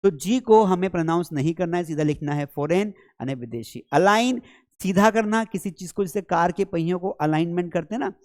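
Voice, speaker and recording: A man teaching an English spelling lesson, lively and chatty, asking and answering his own questions as he explains. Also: sits high, brisk.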